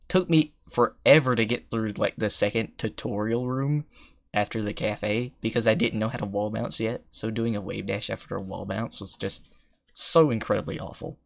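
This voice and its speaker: A man's voice: on the low side, moderate pace, vocal fry. A young man talking casually to himself while playing a game, rambling and poking fun at his own skill. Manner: rambling, self-mocking, thinks aloud between attempts. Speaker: gamer streaming gameplay. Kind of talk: casual gameplay commentary.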